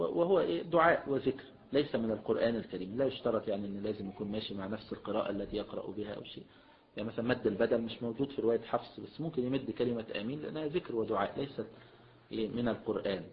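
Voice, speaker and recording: A man with an Egyptian accent teaching a religious lesson as a sheikh, mixing classical and colloquial Arabic and often prompting listeners with a questioning "what?". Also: medium pitch. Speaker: sheikh teaching Islamic jurisprudence. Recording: dull lo-fi lecture recording.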